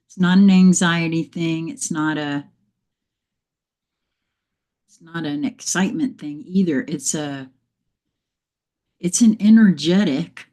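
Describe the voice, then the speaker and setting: A woman hosts a casual live morning chat, slightly out of breath as she tells meandering, reflective spiritual stories. Her voice is deep and mellow, and she speaks slowly with frequent pauses.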